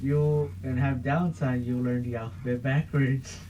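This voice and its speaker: A man's voice: mid-range voice, little pitch movement, measured pace, dark tone. A young man hosting a podcast, chatting casually in a rambling, profane way. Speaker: podcast host. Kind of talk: casual chat. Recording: muffled with faint hiss.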